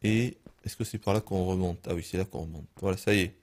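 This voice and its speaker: This gaming streamer, a man with a French accent, gives casual let's play commentary, talking to himself and swearing often as he plays. His voice is deep and a little mellow, with fairly even intonation and a fast pace.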